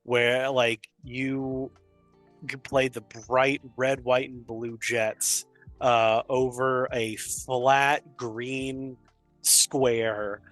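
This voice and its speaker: A man's voice: mid-range voice, level tone, extremely slow, a bit bright, no room sound, faint music behind. A man co-hosting a gaming podcast, talking in an enthusiastic, rambling casual chat. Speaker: podcast co-host.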